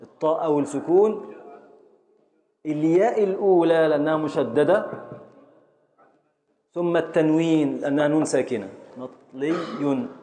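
A man's voice: on the high side, mellow, a little hiss or hum. Egyptian male teacher in an echoey hall. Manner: drills syllables slowly, stretching words to beat the meter. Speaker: teacher of Arabic grammar and prosody. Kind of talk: classroom lesson, calling on students. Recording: echoey hall with long reverb.

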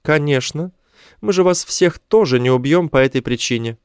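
A sly, furry catlike alien chief who loves a good war, voiced by a man in an audiobook. The voice sits noticeably high and speaks with calm mockery. The recording is dry and close. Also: moderate pace, smooth, no room sound, natural voice. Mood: mocking. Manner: mocking, war-loving, calm. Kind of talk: audiobook character voice.

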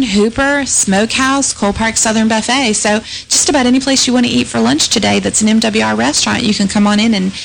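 Woman, from the Northeast US, gravelly, upbeat and chatty, radio talk, faint background noise. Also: medium pitch, low-quality recording. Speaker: radio show guest promoting base events. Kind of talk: casual radio chat.

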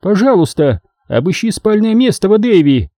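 Man putting on a shrill strict female warden. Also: sing-song, moderate pace, dry recording, clean studio sound. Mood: shrill angry. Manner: sharp, scolding, falsely sweet.

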